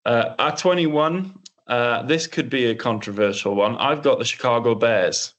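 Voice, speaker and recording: A man's voice: mid-range voice, measured pace, fairly bright tone. A young man co-hosting a casual sports podcast, rambling with lots of ums and restarts. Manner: rambling, filler-heavy, many restarts. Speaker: co-host.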